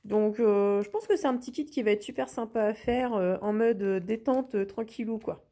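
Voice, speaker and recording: A woman's voice: medium pitch, moderate pace, mellow. A woman hosting a craft channel, chatting casually through an unboxing with lots of hesitations and restarts.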